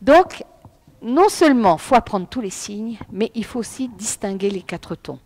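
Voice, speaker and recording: Lively woman giving a public talk. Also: a little high, moderate pace, slight background noise. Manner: lively, emphatic, addresses the audience directly. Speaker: lecturer on Chinese writing.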